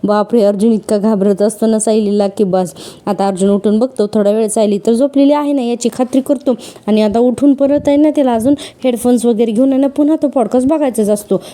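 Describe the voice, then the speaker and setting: A woman's voice: a little high, fairly even intonation, brisk, dark tone. A woman chattily retelling a television serial episode, talking straight to her viewers and leaning on fillers. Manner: chatty, leans on fillers, addresses viewers directly. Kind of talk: conversational episode recap narration.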